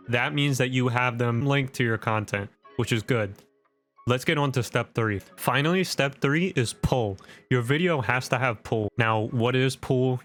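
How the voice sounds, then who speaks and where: Male online video host, medium pitch, wired and over-caffeinated, punchy emphatic tutorial delivery, faint music underneath. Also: a bit bright. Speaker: YouTube content creator and host. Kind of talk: direct-to-camera tutorial, scripted vlog. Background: background music.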